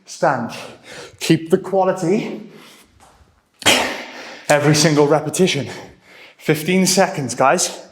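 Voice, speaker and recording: A man's voice: fairly high pitch, takes it slowly, long pauses. A man coaching a live workout, giving short encouraging commands and countdowns, a little out of breath. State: getting out of breath. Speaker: fitness coach. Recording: roomy echo.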